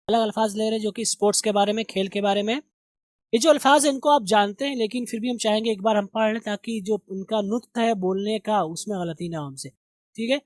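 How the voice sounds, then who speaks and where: A man from India teaching an English lesson. He repeats vocabulary words slowly and corrects pronunciation as he goes. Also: high voice, a little mellow, no room sound. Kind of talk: spoken language lesson with vocabulary drills.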